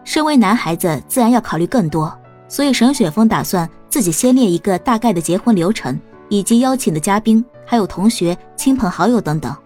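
A woman narrating a storybook in a calm, even reading voice. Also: mid-range voice, brisk, soft background music. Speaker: audiobook narrator.

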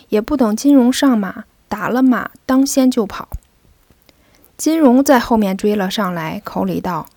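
Woman, novel narration, steady storytelling, fairly high voice, dry sound. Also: vocal fry, no echo. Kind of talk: novel reading.

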